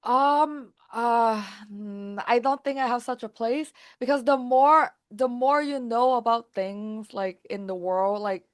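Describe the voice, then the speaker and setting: A young adult woman from Thailand, a guest telling her story in a casual interview, talking in a quick, lively way with many fillers. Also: fairly high pitch. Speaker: guest, founder.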